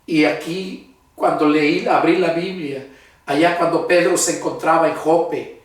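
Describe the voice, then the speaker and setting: An older man with a Mexican Spanish accent recounts his calling as a pastor, speaking with earnest conviction. His voice sits a little high and comes from some distance from the microphone. It rings heavily around a strongly reverberant room. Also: fairly even intonation, a little slow. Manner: earnest, heartfelt storytelling. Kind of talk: personal testimony sermon. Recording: very echoey room, voice far from mic.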